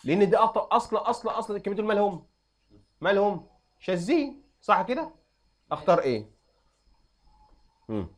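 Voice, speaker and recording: A young adult man with an Egyptian accent, teaching an Arabic grammar lesson and quizzing students with quick questions. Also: sits high, sing-song. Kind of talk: classroom lesson.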